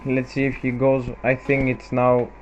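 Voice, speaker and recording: A man's voice: medium pitch, completely flat delivery, moderate pace. A man giving live motorsport commentary, calling overtakes and gaps play by play. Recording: muffled lo-fi audio with background noise.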